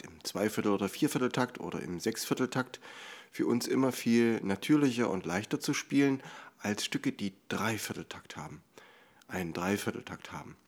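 A man teaching music in a relaxed lesson. He explains rhythm calmly, counts the beats out loud, and drops to a whisper on the light beats. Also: lowish voice. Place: recorded at home and outdoors on location.

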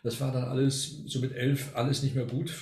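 An older man from Argentina talks at a relaxed storytelling pace, often pausing on fillers. His voice has a gravelly edge, and the room adds a noticeable echo. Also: mid-range voice. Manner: storytelling, frequent hesitation fillers. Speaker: guest, retired music professor. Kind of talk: casual interview.

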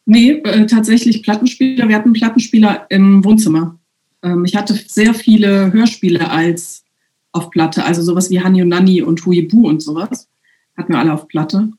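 A woman guest from Germany, speaking in a relaxed, hesitant way with many fillers in a casual conversation. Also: mid-range voice, fairly quick.

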